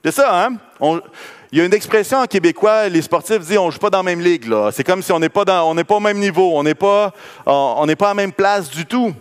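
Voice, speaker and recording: A man's voice: high-pitched, animated, fairly quick, clear, resonant tone, in a large hall. A man preaching a sermon with a Quebec French accent, talking conversationally and checking in with the congregation. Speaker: pastor. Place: church.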